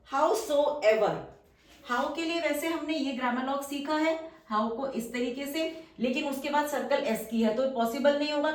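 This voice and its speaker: Female shorthand tutor, slightly high voice, patient, stretches out key words, roomy sound from off-mic. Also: far from the mic. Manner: slow, drawn-out model words between quick explanations. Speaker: shorthand teacher. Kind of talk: step-by-step lesson. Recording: echoey room, voice from off-mic.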